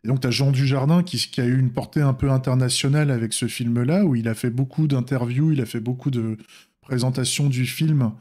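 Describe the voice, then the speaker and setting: A man's voice: mid-range voice, steady tone, fairly quick, dark tone. A man from France chatting casually on a devlog, rambling, with frequent restarts and fillers. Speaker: indie game developer.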